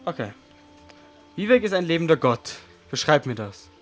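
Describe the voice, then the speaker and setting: A man's voice: a little high, very animated, normal speed, over music. A man giving casual gameplay commentary as a let's player, flippant and sarcastic.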